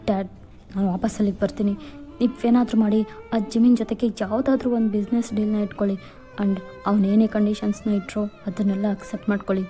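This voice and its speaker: Woman voicing an anxious young man, worried and urgent, mellow tone, fan fiction voiceover, faint music. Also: medium pitch, little pitch movement, a little fast, natural voice. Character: anxious young man searching for his girlfriend.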